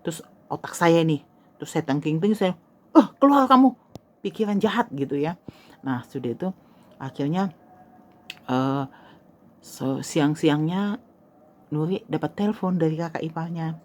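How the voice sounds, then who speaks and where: Older woman, casual storyteller, animated quoted dialogue with hushed asides; lowish voice, light room noise. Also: a little slow, long pauses. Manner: animated, acts out quoted dialogue, drops to whispers. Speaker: storyteller host.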